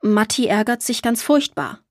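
Lady reading a slow little forest boy, raised voice, broken words, kind of breathy. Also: a little high, big pitch swings, no room sound, clean studio sound. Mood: earnest. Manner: slow, simple broken phrases. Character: strange forest boy, plant-like, odd broken speech.

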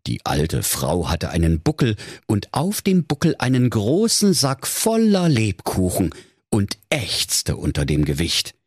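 A man narrating a comic fairy tale in a lively, playful storytelling manner, with a husky voice. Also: fairly low pitch, unhurried, no echo, clean studio sound.

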